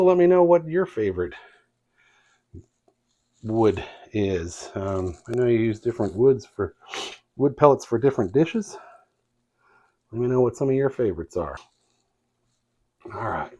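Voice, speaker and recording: This is a man with a Midwestern accent talking through a cooking demonstration in his home kitchen. His voice sits a little low and he speaks very slowly, easygoing, with many pauses and fillers. The recording sounds slightly muffled. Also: darkish tone. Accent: Midwestern American. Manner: slow, folksy, hesitant with many fillers. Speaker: cooking channel host.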